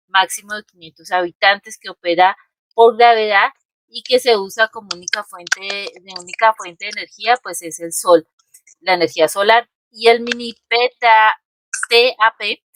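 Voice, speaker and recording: Woman hosting an interview, kinda hesitant, lots of um and eh, keyboard clacking behind her. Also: medium pitch. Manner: hesitant, many fillers and restarts while reading out details. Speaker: host. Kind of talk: interview introduction and questions. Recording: clear background noise, typing.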